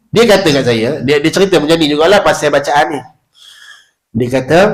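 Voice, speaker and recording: A man with a Malaysian Malay accent teaching prayer recitation at a village prayer hall, drawing out Arabic phrases slowly and stressing each sound. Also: a little high, fairly bright tone. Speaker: religious teacher.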